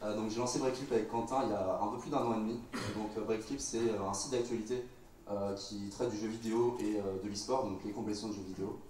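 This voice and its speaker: A twenty-year-old man, cofounder of a media website, introducing it on a panel in a halting way with many fillers. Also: lowish voice, steady tone, dark tone, slight background noise. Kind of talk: casual panel talk. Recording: roomy hall mic from far off.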